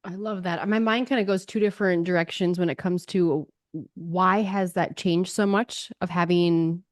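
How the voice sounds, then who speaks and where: A woman from North Dakota co-hosting a podcast, chatty and rambling, thinking aloud with animated asides. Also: fairly low pitch, normal speed, dry recording, studio quality. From North Dakota, USA. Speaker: podcast co-host. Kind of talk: conversational podcast interview.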